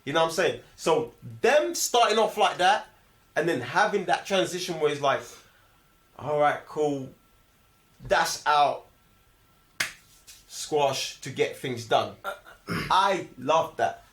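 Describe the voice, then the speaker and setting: A film review host with a London accent argues about movies in heavy slang, animated and casual, hammering his point with emphasis and repetition. His voice is fairly high and fairly bright, delivered slowly with long pauses. The room is echoey.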